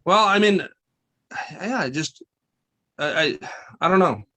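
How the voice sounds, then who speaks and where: A man in his forties, a guest financial advisor, chatting in an interview with intense, animated storytelling and frequent restarts. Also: sits high, slow. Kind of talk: casual interview chat.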